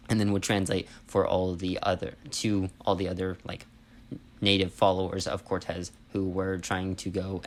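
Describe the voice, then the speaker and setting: A man's voice: low-pitched, slight background noise. A man giving an informal history lesson as an instructor, explaining things conversationally and often checking in with listeners.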